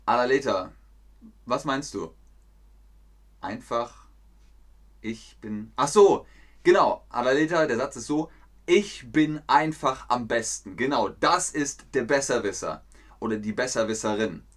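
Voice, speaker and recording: A man's voice: mid-range voice, expressive, measured pace, pauses often. A man hosting a live-streamed German lesson, playful and talking to chat viewers by name. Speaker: German teacher hosting a livestream.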